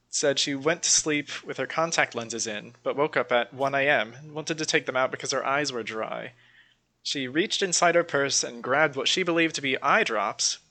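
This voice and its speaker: A podcast co-host with a bright, forceful, mid-range voice banters casually and reads out odd news stories, swearing freely in an informal style.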